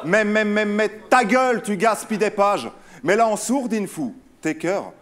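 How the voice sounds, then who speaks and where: A man's voice: sits high, expressive, a little slow, very noisy. A young man rapping mocking battle verses a cappella at an opponent. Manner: mocking, sneering delivery. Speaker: battle rapper.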